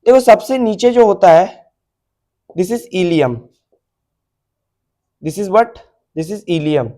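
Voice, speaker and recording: उत्साही ऊँची आवाज़ वाला शिक्षक. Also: male voice, high voice, expressive, very slow, dark tone. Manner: Hindi-English mixed teaching, repeats key terms and checks understanding. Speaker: biology teacher. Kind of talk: classroom lecture at a board.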